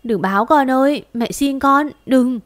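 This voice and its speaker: A woman's voice: sits high, unhurried, dry recording, studio quality, voice pushed up. A woman voicing a frightened older mother who pleads in a quavering voice, in an audio story. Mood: pleading.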